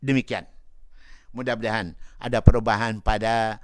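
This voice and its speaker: A man's voice: fairly low pitch, level tone, moderate pace, darkish tone, no echo, studio quality. A man giving religious advice as a preacher, retelling a story in a folksy, repetitive way with frequent rhetorical asides. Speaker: Islamic preacher answering a listener.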